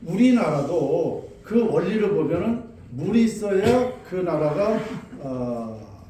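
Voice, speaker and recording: An older man answers questions as a lecturer, sounding assertive and sure. His voice is mellow and a little high. It comes through a very reverberant space, away from the mic. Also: big pitch swings, slow. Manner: assertive, insistent. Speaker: feng shui lecturer. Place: large echoey room with an audience. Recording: very echoey hall, distant mic, faint noise.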